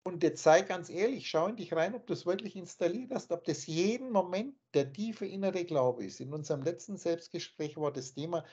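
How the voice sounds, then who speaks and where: A man's voice: high voice, expressive, fairly quick, few pauses, darkish tone, husky. A man teaching in an emphatic, scornful lecturing manner, speaking over a video call. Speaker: spiritual teacher. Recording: dull lo-fi online call audio.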